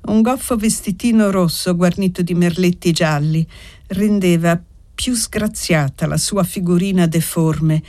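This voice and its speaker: A woman narrating a literary audiobook in a measured, deliberate way. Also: lowish voice, a little mellow. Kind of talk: audiobook reading.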